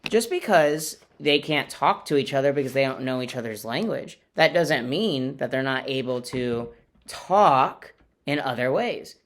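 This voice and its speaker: A man's voice: medium pitch, lively intonation, unhurried, a little hiss or hum. A man, a teacher, reading a picture book aloud to children in a friendly, explaining way. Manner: friendly, explains to kids, playful sound effects.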